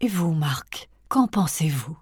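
A woman voicing a cold, menacing elderly aristocratic grandmother in an audiobook, speaking in hushed, often whispered tones that swell into threats. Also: low-pitched, big pitch swings, takes it slowly, slightly rough, dry recording, studio quality, full character voice. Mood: icy whisper. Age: older. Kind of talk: audiobook character reading.

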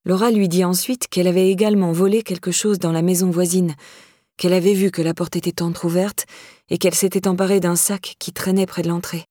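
Audiobook narrator, woman, measured delivery, low husky voice. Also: flat delivery, mellow, no echo, clean studio sound. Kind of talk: scripted narration.

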